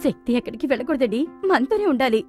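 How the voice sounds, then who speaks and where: A shrill scolding mother. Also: lively intonation, quick pace, faint music behind. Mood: pleading. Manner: sharp, scolding. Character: scolding middle-aged mother and elder sister. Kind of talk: dubbed film comedy.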